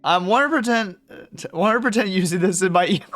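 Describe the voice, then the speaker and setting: A man's voice: high-pitched, brisk, a bit bright, no room sound. A young man streaming live, chatting casually with viewers in a rambling way, cursing freely and laughing often.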